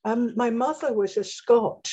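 An older woman with an English accent, talking reflectively and discursively as an interview guest, with a husky voice. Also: on the high side, a little slow, warm tone. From England. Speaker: guest, name studies scholar.

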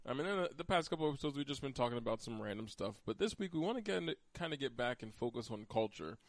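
An American podcast host from Pennsylvania talks casually at a racing pace in an animated, mid-range voice, teasing his co-host along the way. The recording is dry.

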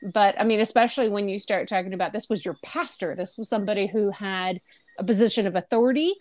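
A woman's voice: mid-range voice, quick pace, darkish tone. A woman hosting an interview show, enthusiastic and encouraging toward her guest. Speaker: podcast host.

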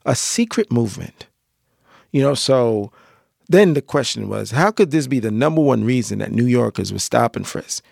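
A man's voice: mid-range voice, expressive, moderate pace, vocal fry, darkish tone, no echo, studio quality. A young man, a police officer, giving an emphatic personal account in an interview and repeating phrases for weight. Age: young adult.

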